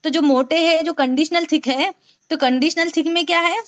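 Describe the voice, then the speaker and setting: A woman's voice: extremely high pitch, fairly even intonation, normal speed. A woman teaching an online Quran recitation class, explaining patiently and repeating sounds for her students to drill. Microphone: video call.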